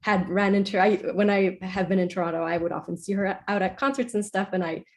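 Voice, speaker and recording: A woman's voice: mid-range voice, fairly even intonation, fairly quick. A young woman from Iceland, a composer answering interview questions in a casual, chatty way, full of "like"s and self-corrections.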